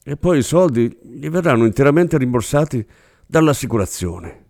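A man's voice: mid-range voice, very animated, moderate pace, creaky, darkish tone, no room sound, clean studio sound, voice pushed up. A man playing a sly male money changer who speaks in a practical, hasty way, in an audiobook reading. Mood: ingratiating.

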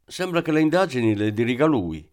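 A man reading the lines of a blunt, excitable male deputy inspector in an audiobook. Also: mid-range voice, a little fast, lightly acted. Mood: grumbling.

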